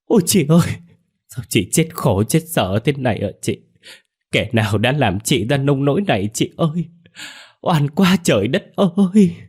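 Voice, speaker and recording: A man's voice: expressive, normal speed, darkish tone, husky. A man voicing two grieving young village sisters in a storybook ghost tale, wailing. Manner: high keening wail.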